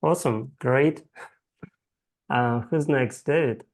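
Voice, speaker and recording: A man hosting an online meeting over a video call, talking haltingly with many filler sounds. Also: mid-range voice, creaky. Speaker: host and founder of the club.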